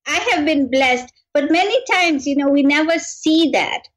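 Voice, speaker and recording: Guest, woman, 50s, from Kenya; high-pitched, earnest and reflective storyteller. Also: normal speed, low-quality recording. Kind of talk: interview conversation.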